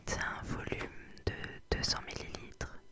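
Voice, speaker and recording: A woman whispering softly in a casual, candid ASMR product review, chatting as she presents unboxed beauty items. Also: measured pace. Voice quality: soft unvoiced whisper. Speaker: beauty box unboxing host.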